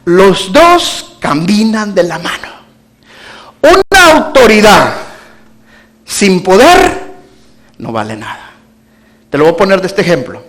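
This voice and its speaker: A man preaching a sermon as pastor, moving between emphatic declarations and hushed low asides. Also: very animated, takes it slowly, long pauses.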